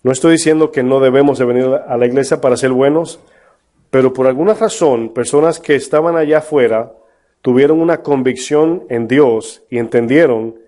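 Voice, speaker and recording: A man's voice: medium pitch, dark tone. A man preaching a sermon as pastor, emphatic, with rhetorical questions to his congregation. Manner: mocks false prophets in a put-on voice.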